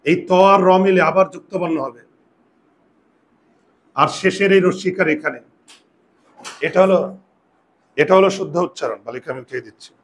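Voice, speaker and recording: A man's voice: on the high side, moderate pace, pauses often. A man, a grammar teacher, explains pronunciation rules to his class and keeps asking them questions.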